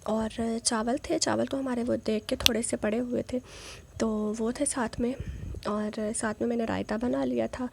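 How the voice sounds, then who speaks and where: A woman's voice: a little high, creaky, a little mellow, slight background noise. A young woman, narrating a casual home vlog in a chatty, rambling way with many fillers. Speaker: vlogger.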